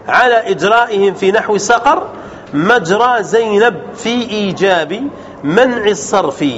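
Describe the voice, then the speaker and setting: A man teaching an Arabic grammar lesson as a sheikh, explaining rules and quizzing his students with quick questions. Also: high voice, fairly bright tone. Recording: dull lo-fi sound with faint noise.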